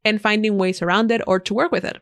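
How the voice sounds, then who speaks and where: Speaking quickly at a medium pitch, this podcast guest, whose first language is Spanish, chats casually in a studio-quality recording with no echo. She eagerly recommends things and repeats them for emphasis.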